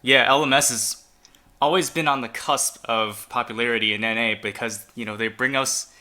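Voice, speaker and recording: In a casual, chatty fan broadcast, a male esports caster with Chinese as his first language introduces each player in turn. His voice is medium in pitch and steady, with a sharp tone at normal speed.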